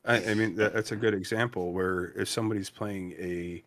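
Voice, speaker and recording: A man with a very deep voice chats about game design. He is emphatic and hammers key words through repetition. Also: fairly even intonation, moderate pace, a bit bright. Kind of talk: casual chat.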